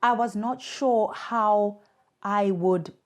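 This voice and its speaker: A mid-range voice, unhurried and slow, belongs to a South African woman in her thirties being interviewed on a podcast through a remote recording. She works in communications for a mothers' charity and tells her personal story in an earnest, reflective way.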